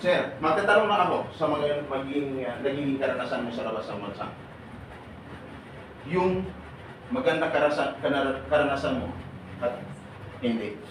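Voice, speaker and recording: A man leading a seminar for departing overseas workers, joking and firing quick questions at his audience. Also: mid-range voice, animated. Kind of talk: lively seminar talk to an audience. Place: large hall with an audience. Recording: echoey hall, mic far off, noisy.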